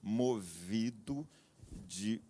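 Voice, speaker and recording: Lively preacherly male Bible teacher. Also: fairly low pitch, extremely slow, husky. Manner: explanatory, preacherly emphasis. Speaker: seminary teacher, guest panelist. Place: TV studio.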